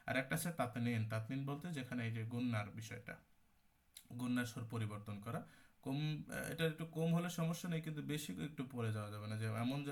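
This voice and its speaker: A young man with a gravelly, mid-pitched voice leads an online recitation lesson. He explains each term patiently, checks in with questions to his class, and coughs now and then. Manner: explanatory, repeats terms and asks the class questions. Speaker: Quran recitation teacher. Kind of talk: online tajweed class lecture.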